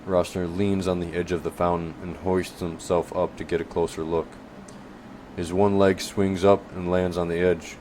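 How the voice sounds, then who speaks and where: A man reading a fantasy novel aloud as an audiobook narrator, measured with occasional self-corrections. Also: low voice, a little mellow, slight background noise.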